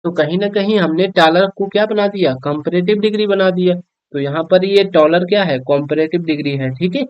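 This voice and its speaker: High-voiced Hindi-accented man teaching grammar. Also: a little fast, clean tone, no room sound. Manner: addresses students as children, frequent "theek hai" check-ins. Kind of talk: classroom grammar lesson. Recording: dull, dry lo-fi recording.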